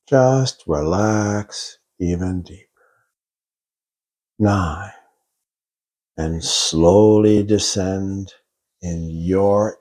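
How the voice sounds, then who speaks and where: A man leading a guided hypnosis session in a slow, soothing, drawn-out way, counting down into trance. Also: deep voice, mellow, husky.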